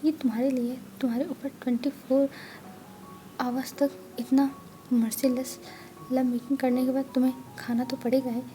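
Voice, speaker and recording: A woman's voice: high-pitched, little pitch movement, normal speed, dark tone, close to an everyday voice. A woman voicing a bold young woman doctor who teases, over faint music. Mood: teasing. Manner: playful, teasing.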